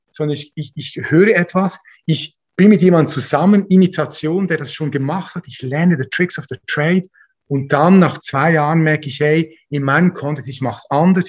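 A man's voice: fairly high pitch, darkish tone, dull audio. A man, a pastor talking earnestly in an interview, often restarting and repeating words. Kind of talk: interview, casual conversation.

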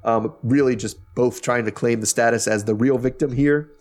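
Brief: man, mid-pitched, podcast host, wry and animated recap chat. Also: normal speed, slight background noise. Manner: animated, wry, with many restarts.

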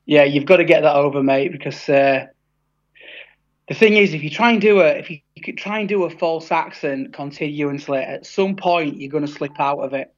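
Male interview guest, English accent, fairly high voice, casual chat, muffled lo-fi recording. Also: normal speed. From England. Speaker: interview guest, tribute act singer. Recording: dull, band-limited sound.

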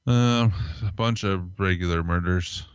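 A man's voice: low voice, a little slow, clean tone, no room sound, muffled recording. A man co-hosting a podcast, reading strange news stories aloud in a casual chat, with small laughs and fillers. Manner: reads from articles, laughs, hesitant fillers. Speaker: podcast co-host.

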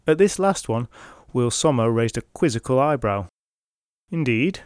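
A male storyteller reads old legends from a script, slipping in dry comic asides. His voice sits at a middling pitch, recorded close with a very dry, deadened sound. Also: lively intonation, normal speed, dry recording. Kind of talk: scripted folklore narration.

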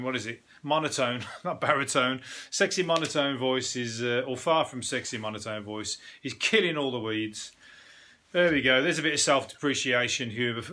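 A man's voice: medium pitch, bright, forceful tone. A man hosting a solo podcast from home, rambling casually with self-deprecating humour and the odd swear. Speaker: podcast host.

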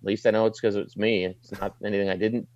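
Low-voiced Maritime Canadian man, plain-spoken. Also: flat delivery, fast talker, darkish tone, no room sound, muffled recording. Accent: light Maritime Canadian. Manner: plain-spoken, informal, slangy. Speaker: sports broadcaster, desk anchor. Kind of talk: casual interview chat.

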